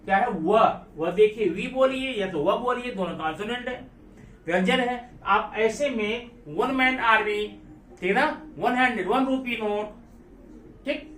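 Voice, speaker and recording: Slight background noise surrounds a male teacher whose high, slightly bright voice moves a little slowly. Heard from a distance in an echoey classroom, he teaches grammar, keeps quizzing his students, and repeats key words.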